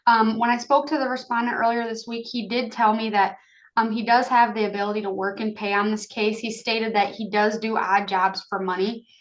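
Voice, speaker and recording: Woman reading out a case report in court, flat official delivery, a bit high pitched. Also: brisk, low-quality recording. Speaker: child support case officer testifying in court. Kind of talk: formal case report to a judge.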